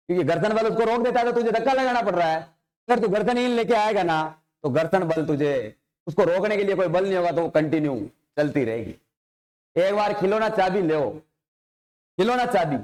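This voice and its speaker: A male science teacher gives an informal coaching-class lecture, addressing figures with tu and repeatedly posing questions he answers himself. His voice sits high and sounds a little mellow.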